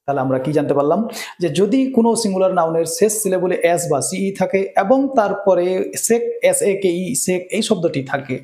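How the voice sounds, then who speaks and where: A man's voice: high voice, lively intonation, brisk, darkish tone, echoey room. A man teaching English grammar rules in a lesson, often checking in with his students. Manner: asks students rhetorical check-in questions.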